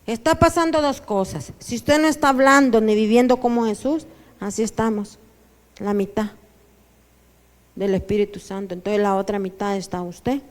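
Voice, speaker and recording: A woman pastor with a Honduran Spanish accent, preaching a sermon that swings between soft asides and loud declarations. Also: mid-range voice, normal speed. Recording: church hall with long reverb.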